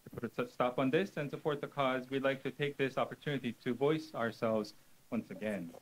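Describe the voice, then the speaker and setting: A man's voice: medium pitch, brisk, slight background noise, low-quality recording. A man working as an interpreter, relaying statements in a formal, orderly way at an official event.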